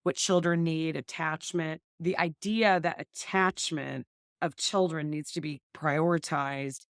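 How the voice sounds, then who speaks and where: A woman's voice: low-pitched, steady tone, unhurried, clean tone, dry recording, clean studio sound. A woman hosting a family law podcast, talking earnestly and thinking aloud. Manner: earnest, thinks aloud with many 'like' and 'right'. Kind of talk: casual conversation.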